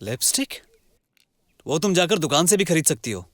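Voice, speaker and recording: Sharp commanding investigator, lightly raised pitch, music under. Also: male voice, very animated, normal speed, no room sound, studio quality. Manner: direct, questioning. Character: sharp young male investigator, inquisitive and commanding. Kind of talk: Hindi film dubbing.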